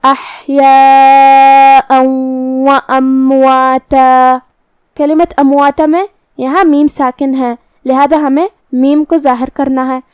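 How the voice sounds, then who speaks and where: A woman teaching Quran recitation rules, explaining each letter's sound step by step and then reciting slowly. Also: sits high, fairly even intonation, a little mellow, no echo.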